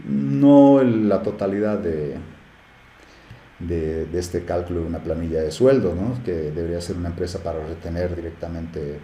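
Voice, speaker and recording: A man's voice: deep voice, moderate pace, warm tone, roomy sound, slight background noise. A man teaching a live class, chatty, with many fillers and often checking in with the students. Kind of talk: live class screen-share tutorial.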